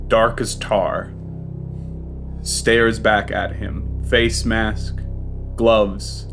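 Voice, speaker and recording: A man co-hosting a podcast, narrating an improvised story slowly with dramatic pauses. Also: fairly low pitch, flat delivery, vocal fry, music in the background. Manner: slow, deliberate, dramatic pauses.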